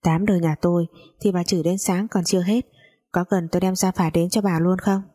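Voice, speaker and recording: A woman's voice: lowish voice, fairly even intonation, a little fast, mellow, close to an everyday voice. A woman voicing a brash young man who teases and defies others in a cocky manner, in a storybook reading. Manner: cocky, teasing, defiant.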